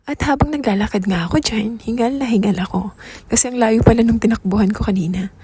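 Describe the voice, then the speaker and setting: A woman's voice: on the high side, fast, warm tone, a little hiss or hum. A woman with a Filipino accent narrating a casual vlog in a chatty, playful, self-teasing way. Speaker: vlogger.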